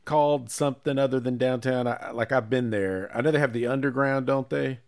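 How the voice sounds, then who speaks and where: A man's voice: medium pitch, fairly even intonation, fairly quick. A man from Charlotte co-hosting a casual talk show, easygoing and conversational, with occasional chuckles. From Charlotte, North Carolina. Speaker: podcast co-host. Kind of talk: casual chat.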